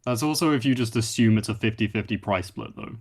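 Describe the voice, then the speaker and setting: A man in casual gaming chat, explaining his reasoning in a measured way. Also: fairly low pitch, darkish tone.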